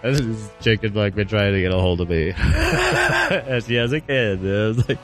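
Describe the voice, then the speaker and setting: A man's voice: fairly low pitch, sing-song, a bit bright, soft background music. A man co-hosting a gaming podcast in casual chat, making crude jokes and laughing often. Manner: crude joking, laughs often, halting restarts. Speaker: podcast co-host.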